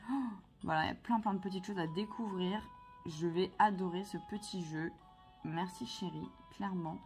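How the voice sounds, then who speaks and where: A woman chatting casually to her viewers as she plays a video game, playful and talkative. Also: mid-range voice. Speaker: vlogger playing a video game. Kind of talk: casual gameplay commentary.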